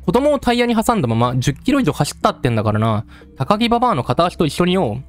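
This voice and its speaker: Man reading a gruff, taunting storyteller. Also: a little high, sing-song, fast talker, faint music behind. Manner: gruff, coarse street speech, addressing the listener directly. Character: rough-talking male storyteller, menacing and taunting. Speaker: game let's-play narrator.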